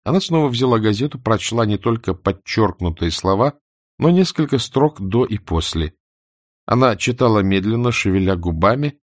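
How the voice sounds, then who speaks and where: A man narrating a humorous novel in a wry, expressive storytelling manner on a close studio mic. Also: on the low side, normal speed, dry recording. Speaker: audiobook narrator.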